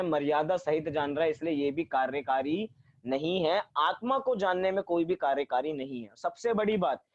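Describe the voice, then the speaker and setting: A man's voice: high voice, no room sound. A man teaching a religion class, explaining step by step and asking himself questions before answering them. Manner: asks and answers his own questions. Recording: dull dry recording.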